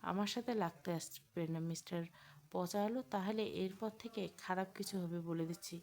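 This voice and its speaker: A sharp-tongued young woman in an audio storybook, feisty and unafraid, as a woman reader plays her. she shoots back cheeky, defiant insults. the voice is fairly low. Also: normal speed, natural voice.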